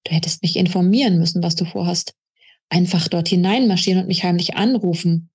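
A woman reading the lines of a calm, fatherly male official who speaks kindly and gently admonishes, in a husky voice. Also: on the low side, fairly quick.

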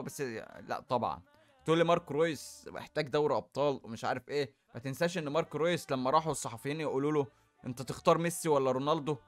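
A man with an Egyptian Arabic accent commenting on opening game packs, animated, jumping between loud outbursts and low muttering. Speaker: gaming YouTuber.

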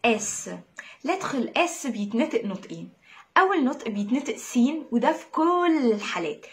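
A woman with an Egyptian Arabic accent gives a recorded language lesson in a somewhat high voice. She is chatty and encouraging and says each example word twice, slowly and clearly. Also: a bit bright. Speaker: French teacher.

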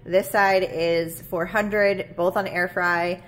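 A woman's voice: on the low side, fairly even intonation, takes it slowly. A woman vlogger chatting casually and upbeat while she preps meals at home, thinking aloud as she goes. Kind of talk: casual meal-prep chat. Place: home kitchen. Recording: echoey room with faint ambience.

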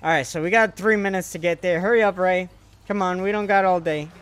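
A man giving let's play commentary, excitable and panicky, swearing a lot as he plays. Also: high-pitched, a little fast, clear, resonant tone. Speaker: gaming video host.

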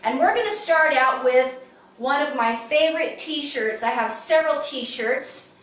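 A woman's voice: high-pitched, lively intonation, unhurried, a bit bright. A woman in her fifties, a fashion vlogger chatting in an upbeat, casual way in her living room, recorded from across the room. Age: 50s. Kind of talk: casual show-and-tell. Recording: echoey room from far off.

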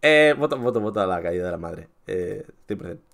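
Young man, lively swinging pitch, bright voice, casual swearing commentary. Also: fairly quick, gravelly. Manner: casual, swearing, restarts often. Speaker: streamer voting in awards.

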